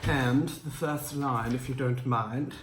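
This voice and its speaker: A man chatting casually as a guest, making dry deadpan jokes and reading short book passages aloud. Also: medium pitch, slow pace, a little hiss or hum. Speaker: guest, host's partner. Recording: echoey room.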